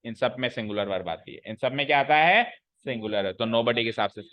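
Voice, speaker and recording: A man's voice: mid-range voice, expressive, a little fast, no room sound, muffled recording. A man teaching English grammar to a class, repeating his points and quizzing the students as he goes. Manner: explains by repeating and asking the class questions. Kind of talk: classroom lecture.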